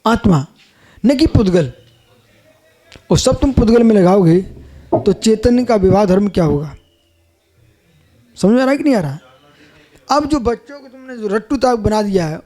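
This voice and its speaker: A man's voice: high-pitched, dark tone. A man, a Jain monk, giving a live sermon, emphatic, repeating phrases and questioning his listeners directly.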